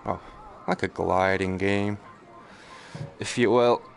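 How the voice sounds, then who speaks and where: Slow and low-pitched with vocal fry, this man's steady voice carries his casual live game commentary as a gaming streamer. He mutters and exclaims to himself in a jokey, self-deprecating manner over noticeable background noise and game ambience.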